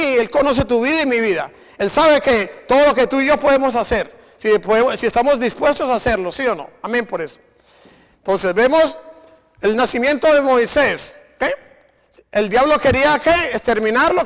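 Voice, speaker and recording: A male preacher with a very high-pitched, slightly bright voice exhorts his congregation, firing rhetorical questions and repeatedly saying "imagine." His sermon rings with the long reverb of a hall.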